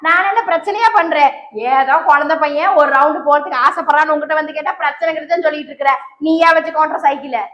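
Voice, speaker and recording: Woman as a high-voiced, fussing village mother who haggles and exclaims, roomy echo. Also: steady tone, fast talker, dull audio. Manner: exclaiming, fussing, bargaining loudly. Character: fussy, doting village mother, middle-aged. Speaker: comedy skit actor. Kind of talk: comic sketch acting.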